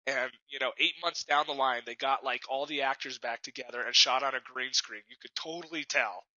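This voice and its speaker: A man's voice: mid-range voice, a little fast, sharp tone, no room sound, lo-fi sound. A man co-hosting a movie podcast, ranting bluntly and scornfully about a bad film. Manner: blunt, scornful rants with repeated words. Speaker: podcast co-host. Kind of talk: casual movie-review chat.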